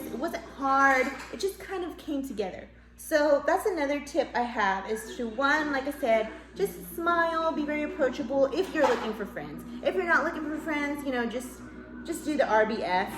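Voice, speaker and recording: Chatty mom vlogger in an echoey room. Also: female voice. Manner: lively, acts out quoted dialogue in a higher voice. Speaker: mom vlogger giving parenting tips. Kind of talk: casual chatty storytelling to camera.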